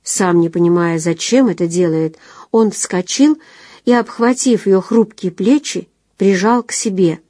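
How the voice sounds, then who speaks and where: Woman narrator, warm and relaxed, dry booth sound, steady storytelling. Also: medium pitch, measured pace, no echo. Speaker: audiobook narrator. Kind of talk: scripted narration.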